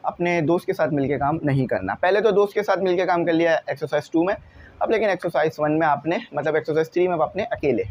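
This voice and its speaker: A man teaching an English lesson, patiently repeating each word slowly so students get the pronunciation right. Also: high-pitched, a little hiss or hum. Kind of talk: classroom lesson walkthrough.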